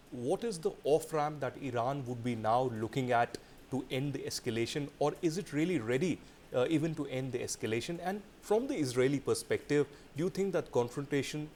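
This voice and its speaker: A man's voice: medium pitch, a little fast, a little mellow, a little hiss or hum. A man hosting a formal news interview, putting long, pointed questions with an emphatic build-up. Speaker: news interviewer, show host.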